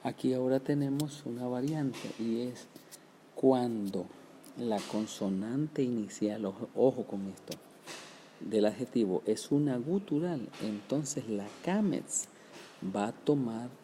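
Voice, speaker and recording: A man's voice: medium pitch, takes it slowly, dark tone, a little hiss or hum. A man teaching a Hebrew grammar lesson, explaining step by step, sounding out words syllable by syllable and checking with "¿verdad?".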